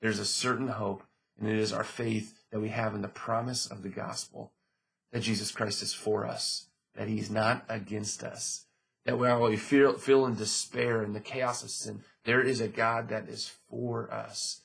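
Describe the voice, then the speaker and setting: A man delivers a sermon in a somewhat low voice with a husky, breathy edge. He reads scripture passages aloud, then works through them in his own words, often restarting and repeating phrases. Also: flat delivery, moderate pace, fairly bright tone, poor audio. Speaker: pastor.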